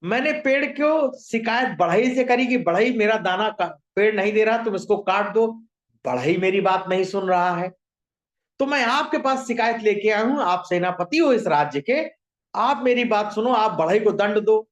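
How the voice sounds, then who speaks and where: A man's voice: high-pitched, expressive, moderate pace, muffled recording. A man voicing a small, determined female sparrow who keeps pleading insistently for justice, in an echoey room.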